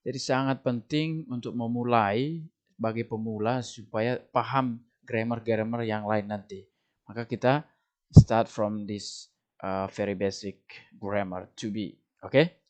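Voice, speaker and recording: Man, Indonesian accent, English teacher, animated, repeats points. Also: mid-range voice. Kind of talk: grammar lesson, mixing English and Indonesian.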